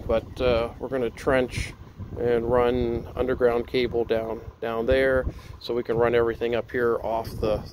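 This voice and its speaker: Holding a handheld camera as he films, a man presents a renovation project inside a metal railroad caboose as a railroad volunteer, talking casually and thinking aloud in a halting way. His voice is medium-pitched and darkish, and the audio is clearly noisy with the railcar's ambient sound.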